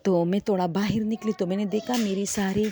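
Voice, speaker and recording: A woman casually retelling a ghost story, talking to listeners as friends and dropping to a hushed voice in the eerie parts. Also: medium pitch, fairly even intonation, slight background noise. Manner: conversational, many fillers, addresses listeners as friends.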